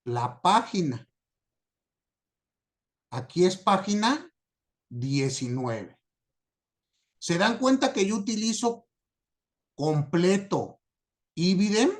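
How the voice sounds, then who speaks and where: A man's voice: high-pitched, lively intonation, slow pace, long pauses. A man teaching a class on citation format, patient, often checking that students understand. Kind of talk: recorded lecture on citation format.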